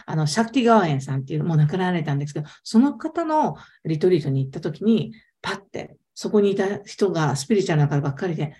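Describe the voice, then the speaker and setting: A woman's voice: lowish voice, expressive, quick pace, hardly any pauses, warm tone. A woman, an interview guest telling her story in a casual, emphatic way.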